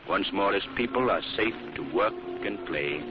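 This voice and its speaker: An actor playing a commanding, calm and ominous crime-fighting vigilante in a theatrical, solemn 1940s radio style. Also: male voice, deep voice, normal speed. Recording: muffled, noisy old radio recording.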